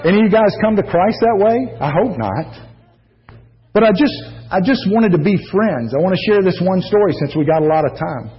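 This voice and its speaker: A man's voice: high voice, expressive, fairly quick. American man preaching, raised voice, folksy joking storyteller, lo-fi muffled recording. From United States. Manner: folksy storytelling with jokes and asides to the congregation. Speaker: pastor. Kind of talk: sermon.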